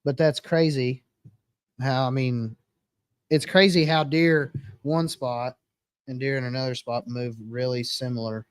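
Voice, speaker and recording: A man's voice: medium pitch, fairly even intonation, a little slow, smooth, dry recording. A man co-hosting a casual live-stream chat, easygoing and chiming in with agreement. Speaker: co-host.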